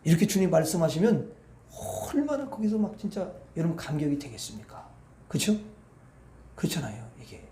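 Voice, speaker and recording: A man with a high voice preaches at an evening prayer meeting. His sermon is colloquial and chatty, full of rhetorical questions for the congregation. The recording carries a roomy church-hall echo. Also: wildly swooping pitch, brisk, warm tone, slight background noise. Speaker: pastor.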